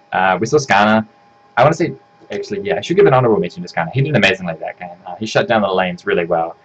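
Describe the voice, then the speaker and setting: This man has a croaky, low voice and offers a casual solo analysis of a game, rambling and correcting himself with frequent ums and "right?". The recording sounds muffled and carries a little hiss or hum.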